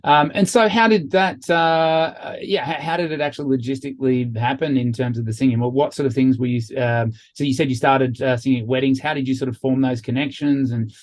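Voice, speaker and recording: A man's voice: mid-range voice, steady tone, a little fast, few pauses. A man hosting a podcast, asking long, rambling questions full of fillers and restarts. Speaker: podcast host. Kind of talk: casual interview.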